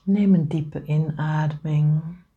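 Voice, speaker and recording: Female meditation guide; low, very slow, breathy and half-whispered. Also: fairly even intonation, phone-quality sound. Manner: slow soothing delivery, often whispered.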